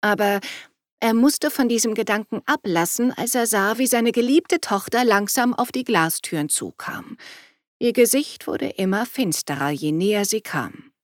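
Female audiobook narrator, even storytelling read, dry close recording. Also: fairly high pitch, normal speed, no echo. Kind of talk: scripted narration.

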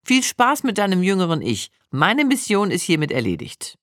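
A woman's voice: lowish voice, wildly swooping pitch, normal speed, no echo. A woman reading a dry, sober older husband. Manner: sober, matter-of-fact delivery.

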